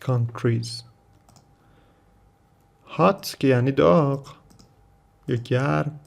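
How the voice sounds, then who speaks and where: Gravelly-voiced man teaching English vocabulary. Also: mid-range voice. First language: Persian. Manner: reads English phrases slowly, then explains them. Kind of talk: vocabulary lesson.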